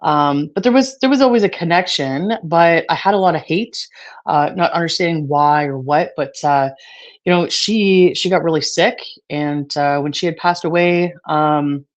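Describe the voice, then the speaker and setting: A woman being interviewed, talking casually in a halting way with many fillers, at times choked up with emotion. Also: low voice. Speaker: guest.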